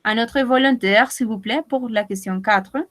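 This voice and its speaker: A woman's voice: fairly high pitch, normal speed, a bit bright, a little hiss or hum. A woman teaching a French class over a video call, patient and often checking in with her students. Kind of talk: online language class.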